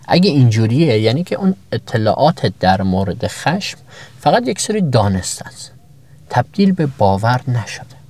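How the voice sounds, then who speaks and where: Man, lowish voice, motivational self-knowledge talk, rhetorical questions, piles up examples, sudden upward leaps for emphasis. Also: darkish tone.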